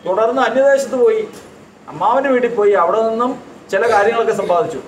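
High-voiced man preaching in an echoey hall. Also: animated, quick pace, a little hiss or hum. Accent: Keralite. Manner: rhetorical questions answered himself, emphatic repetition. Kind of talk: sermon. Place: church hall. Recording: echoey hall, distant mic.

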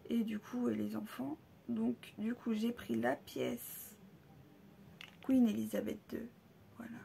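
A woman casually showing off souvenirs she bought on a trip, hesitant, with many pauses and fillers, and often dropping into soft half-whispers. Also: a little high, vocal fry, a little hiss or hum. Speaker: vlogger showing a shopping haul. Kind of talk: casual haul video.

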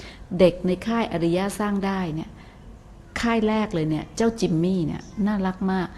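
An older woman giving a gentle, motherly dharma talk to a live audience, often asking them questions. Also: on the low side, moderate pace, a little hiss or hum. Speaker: Buddhist nun teacher.

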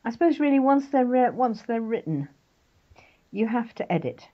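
An older English woman, an author appearing as an interview guest, chats animatedly and laughs often in a casual conversation. Her voice is fairly high with lively intonation at normal speed, heard through dull lo-fi internet radio audio.

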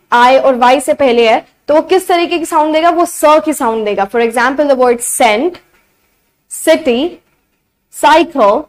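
A young woman teaching beginner phonics, repeating each sound slowly and clearly. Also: high voice. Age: young adult. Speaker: English teacher.

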